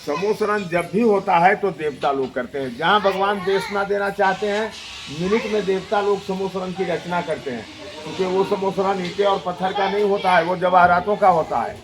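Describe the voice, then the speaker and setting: A temple priest explaining religious history and lore in a steady, recited flow. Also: male voice, sits high, normal speed. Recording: noisy outdoor background.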